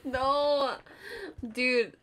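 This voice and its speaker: Excitable lady gamer, high bright voice, laughs a ton, takes her time talking. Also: drawn-out words. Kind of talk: casual co-op gameplay chat.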